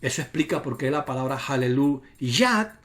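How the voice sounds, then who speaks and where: Lively-voiced man teaching Hebrew grammar. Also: mid-range voice. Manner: explains step by step, pointing at examples on screen; slows to spell out Hebrew syllables. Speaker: Bible teacher. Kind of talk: video lecture on Hebrew grammar.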